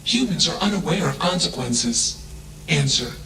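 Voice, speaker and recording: A man's voice: a little high, animated, normal speed, crowd noise, close to an everyday voice. An actor voicing an emotionless male ship AI that speaks in clipped, detached statements, each announced by a label word. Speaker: hostile ship AI. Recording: echoey with background noise.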